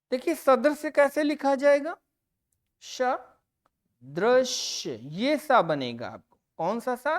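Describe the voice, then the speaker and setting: Slow, clear-voiced woman teaching a lesson. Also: on the high side. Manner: slow, deliberate, repeats and stresses each answer word. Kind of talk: exam-prep grammar lesson.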